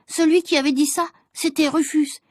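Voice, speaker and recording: A woman reading a children's storybook aloud clearly and expressively, at a measured pace for shadowing practice. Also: high voice, steady tone, darkish tone, no echo, clean studio sound. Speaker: reader.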